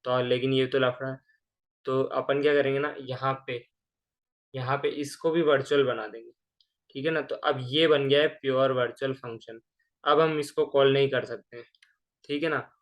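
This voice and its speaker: A man's voice: mid-range voice, level tone, normal speed. A man giving a casual programming lecture, explaining step by step and often checking in with the listener. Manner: conversational, keeps asking "ठीक है ना?". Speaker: programming teacher. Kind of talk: casual screen-recorded coding lecture.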